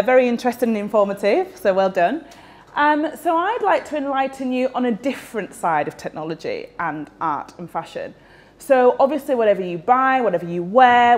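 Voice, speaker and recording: Speaking in a fairly high voice, a young adult from West Yorkshire, England presents casually at a tech meetup. She holds a handheld microphone in a big event space and chats her way through with plenty of fillers.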